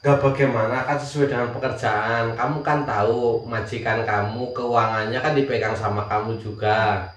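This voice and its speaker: A man's voice: mid-range voice, fairly even intonation, moderate pace, fairly bright tone. A man teasing his wife in a casual family chat and laughing often. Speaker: husband and show host. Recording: roomy echo from a distant mic.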